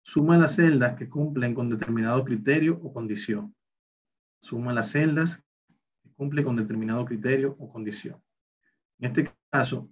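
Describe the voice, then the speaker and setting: This Excel instructor, medium in pitch, walks through a recorded online spreadsheet lesson step by step, saying every calculation out loud. Heard from a distant mic, the lo-fi recording is slightly dull and carries a touch of hiss or hum.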